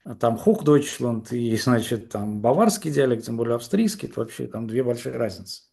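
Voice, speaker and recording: This male guest pushes his political argument in fits and starts, stumbling through fillers and false starts. He has a mid-range, creaky, mellow voice with lively intonation.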